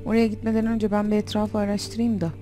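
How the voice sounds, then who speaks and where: Faint music plays behind a young woman's medium-pitched, level voice as she quickly narrates a horror game in a let's play, her tone dark. She's on facecam with a desk mic, muttering to herself and jumpy enough to shriek when something frightens her.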